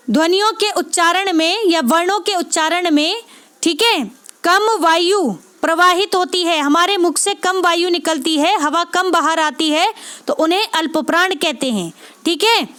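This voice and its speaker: A woman's voice: very high voice, a bit bright. A woman teaching a lesson for exam prep, asking and answering her own questions and checking in with her class again and again. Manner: repeats points with constant check-ins to the class.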